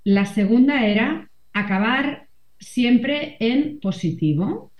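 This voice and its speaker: A middle-aged woman who is both a columnist and a mother gives reflective, conversational interview answers, regularly using tag questions. Her voice is fairly high and a little mellow, slow-paced with lively intonation, in a roomy, somewhat dull-sounding space.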